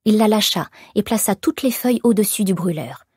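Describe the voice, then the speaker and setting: A woman narrating an audiobook in measured, expressive storytelling. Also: mid-range voice, breathy edge, no room sound, clean studio sound. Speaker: audiobook reader. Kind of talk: scripted narration.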